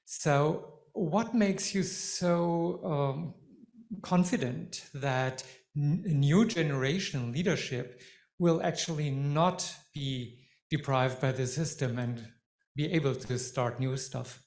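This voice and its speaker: A man in the audience asking a measured, deliberate question. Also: a little high, darkish tone.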